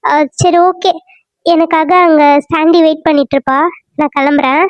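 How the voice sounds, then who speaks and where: Cartoon serial: woman voicing a chatty, carefree young woman with a high voice and a dry take. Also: steady tone, normal speed, no room sound, close to an everyday voice. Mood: bubbly. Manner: chatty, bubbly.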